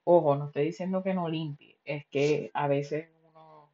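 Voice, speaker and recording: A Puerto Rican woman with a lowish voice talks on her solo podcast in a loose, frank way. She swears often, fills pauses with "eh" and slips English words in. The recording sounds dull and a bit lo-fi. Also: steady tone, heavy background noise. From Puerto Rico. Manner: frank and profane, mixing in English words, many fillers. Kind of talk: casual solo podcast monologue.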